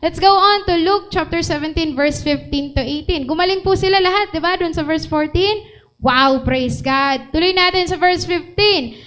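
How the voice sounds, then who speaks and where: A woman preacher with a Filipino accent delivering an animated sermon, mixing Tagalog and English and asking the congregation questions. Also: very high-pitched, normal speed, rough recording.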